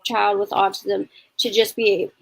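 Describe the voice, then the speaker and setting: A woman's voice: mid-range voice, flat delivery, a little slow, gravelly, husky, rough recording. A young adult woman hosts a casual live-stream conversation. She speaks thoughtfully and laughs easily between points. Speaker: host.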